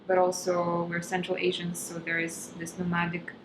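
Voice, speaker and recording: In this casual interview chat, the guest is a young stand-up comedian from Kazakhstan, a native Russian speaker, who keeps searching for words and says um a lot. She speaks in a lowish, monotone voice at a moderate pace, captured in an echoey room with noise in the background.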